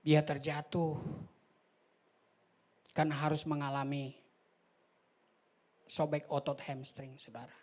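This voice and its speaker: A man preaching a sermon as a pastor in a church hall, impassioned, swinging between near-shouts and whispers. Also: fairly high pitch, level tone, takes it slowly, long pauses.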